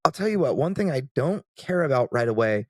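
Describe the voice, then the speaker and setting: A man co-hosting a casual podcast, working through his ideas out loud with many ums and restarts. His voice sits at an everyday middle pitch. The sound is dry and close, with no room around it. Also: big pitch swings, a little fast, dry recording. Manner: rambling, thinking aloud with many fillers. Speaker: podcast co-host.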